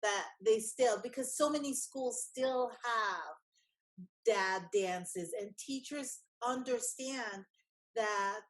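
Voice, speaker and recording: Musing woman instructor thinking aloud. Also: on the high side. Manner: musing, rambling with restarts. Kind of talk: class discussion.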